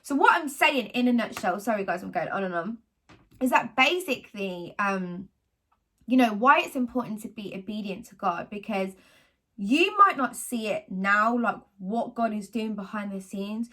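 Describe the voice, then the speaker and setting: A woman, talking casually to camera about her faith in a rambling, animated way. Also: mid-range voice, moderate pace. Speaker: vlogger sharing faith testimony.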